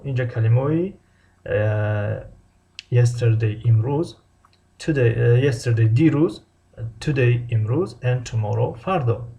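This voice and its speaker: A male English teacher whose first language is Persian, pronouncing English phrases slowly and explaining them in Persian with many fillers, on a dull lo-fi recording. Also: medium pitch, vocal fry, mellow. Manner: slow careful English phrases, frequent "uh" fillers. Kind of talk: language lesson.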